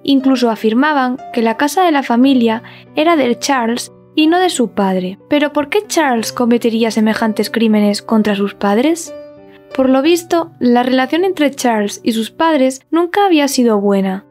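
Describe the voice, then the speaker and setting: High-pitched female true-crime narrator. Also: lively intonation, moderate pace, darkish tone, faint music behind.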